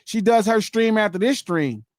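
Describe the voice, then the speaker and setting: A man in his fifties hosting a casual live-stream podcast, reading out viewer shout-outs with animated banter. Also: high voice, normal speed, a loud crowd. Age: 50s. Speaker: podcast host reading donations.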